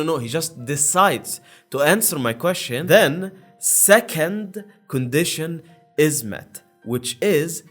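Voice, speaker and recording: Rambling young man explaining with many restarts. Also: mid-range voice. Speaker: YouTube channel host. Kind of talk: casual monologue to camera.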